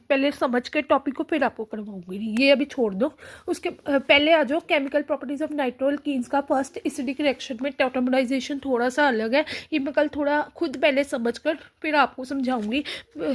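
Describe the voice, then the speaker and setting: A woman tutor giving a casual online chemistry lesson, reading lines slowly and repeating each step. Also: sits high. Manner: reads textbook lines slowly, repeats steps, many fillers.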